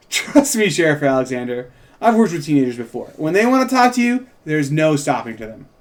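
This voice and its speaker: In a script read-through, a man voices a confident woman reporter, pitching his voice fairly high. He uses an everyday, probing manner, as though pressing someone who is holding back, and he is very animated at a moderate pace.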